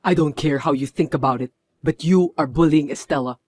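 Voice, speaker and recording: A man's voice: a little high, fairly quick, darkish tone, no echo, close to an everyday voice. A man playing a stern company executive who scolds his mother with a firm manner in a dubbed drama. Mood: indignant.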